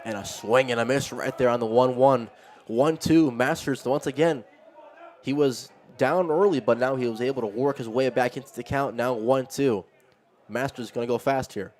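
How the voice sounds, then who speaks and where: Guy doing live baseball play by play, conversational, pitch by pitch, normal mid voice. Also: moderate pace, a little mellow, a little hiss or hum. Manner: conversational, narrating each pitch as it happens. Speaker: play-by-play commentator.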